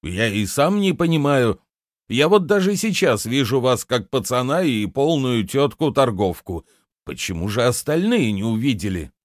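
A man reading an audiobook, voicing a fretful, touchy old wizard in a raised, plaintive voice with lively intonation and a dry, close sound. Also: medium pitch, moderate pace, dry recording, lightly acted. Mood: bewildered.

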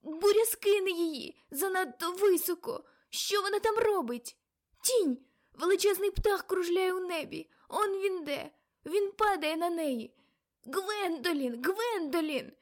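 A woman reading an audiobook, voicing an elderly great-aunt who sees visions in a trance, her voice raised high and loud. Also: measured pace. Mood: terrified. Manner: dreamy, then shrill and frightened.

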